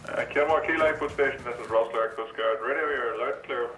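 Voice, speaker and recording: A coast guard radio operator, a man, giving a brisk, clipped radio-check reply heard over marine radio. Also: medium pitch, a bit bright, faint music behind.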